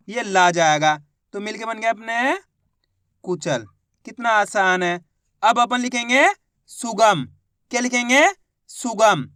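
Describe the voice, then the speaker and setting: A woman teaching how to read and write Hindi words, sounding each one out slowly and repeating it. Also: fairly high pitch, a bit bright, no room sound, clean studio sound. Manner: slow, repeats each word twice, asks the viewer questions. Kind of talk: spelling lesson.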